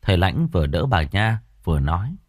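Husky man narrating a ghost story. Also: deep voice, fairly quick, dry recording, studio quality. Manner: expressive, suspenseful storytelling.

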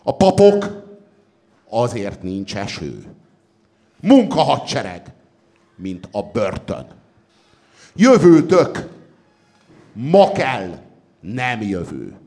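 A man voicing an old male sage who shouts defiantly at an angry crowd, in a loud, high, declaiming voice. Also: huge pitch swings, long pauses. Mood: furious, defiant.

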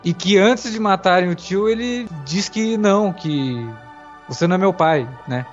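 High-voiced blunt Brazilian man. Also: moderate pace, soft background music. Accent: Brazilian Portuguese. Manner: blunt, dismissive, argumentative. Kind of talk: heated casual film discussion. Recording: dull lo-fi recording.

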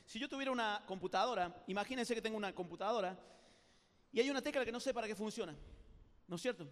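A man with a Rioplatense Spanish accent giving an animated, humorous youth talk, acting out little scenes as he speaks. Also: sits high, quick pace, big-room sound. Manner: animated, acts out voices, jokes with the audience.

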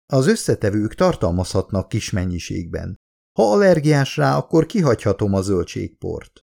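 A man's voice: on the low side, sing-song, gravelly, dark tone, exaggerated voice. A man reading an audiobook, voicing a firm, curt middle-aged woman working behind a food counter.

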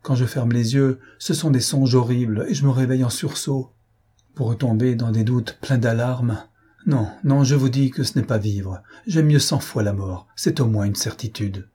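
A man's voice: mid-range voice, moderate pace, warm tone, slightly rough, natural voice. A man as a feverish, desperate young man. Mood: anguished. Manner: agitated, imploring.

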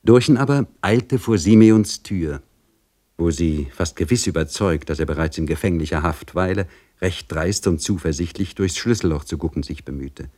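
A man with a very low voice reads a classic novel aloud in a measured, scripted way. He drops soft and quiet in the tense passages. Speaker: audiobook reader.

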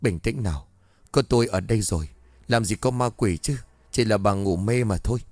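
A man voicing a calm older husband gently comforting his frightened wife in a ghost story. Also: lowish voice, normal speed, no room sound. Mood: soothing. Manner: soothing, gentle.

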